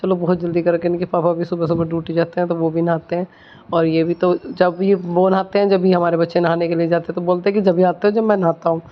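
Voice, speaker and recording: A woman's voice: fairly low pitch, little pitch movement, quick pace. A woman vlogging her morning routine in a home kitchen, talking through her chores in a chatty, homely way. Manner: chatty, homely, explains while doing chores. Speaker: village vlogger, mother. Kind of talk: casual vlog narration of daily routine. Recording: slightly dull lo-fi audio.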